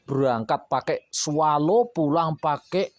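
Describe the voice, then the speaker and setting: A man preaching a sermon to boarding school students, coaxing and playful, with lively asides. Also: fairly high pitch, slow, dry recording.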